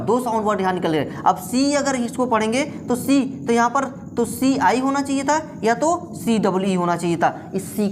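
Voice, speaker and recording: A woman's voice: medium pitch, noisy background. Woman teaching english letter sounds in hindi, keeps asking and answering her own questions. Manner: repeats questions and answers them herself; drills letter sounds slowly. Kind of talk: classroom lesson.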